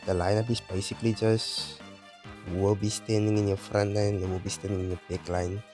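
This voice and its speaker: A man giving casual let's play commentary, explaining things in a relaxed, rambling way. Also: on the low side, a little fast. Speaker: gaming channel host. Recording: game music playing loudly. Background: game music.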